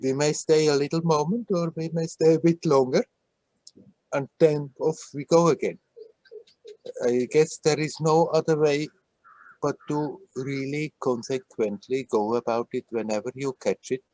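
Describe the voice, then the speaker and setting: A man giving a spiritual satsang talk on a video call, gentle and laughing often as he speaks. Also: on the high side, fairly even intonation, unhurried, no room sound, low-quality recording. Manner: gentle, laughs often, repeats words playfully. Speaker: spiritual teacher.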